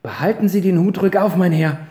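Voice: mid-range voice, brisk, warm tone, voice pushed up, natural voice. A reader voicing an anxious small-town hairdresser mother who talks in fretful, breathless exclamations. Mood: flustered. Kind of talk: audiobook character reading. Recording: roomy echo.

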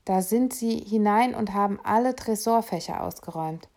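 A woman reading aloud, voicing two men on a tram chatting about a bank robbery in a quieter tone. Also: mid-range voice, moderate pace, natural voice. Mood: gossipy. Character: two gossiping male tram passengers. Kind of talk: audiobook reading.

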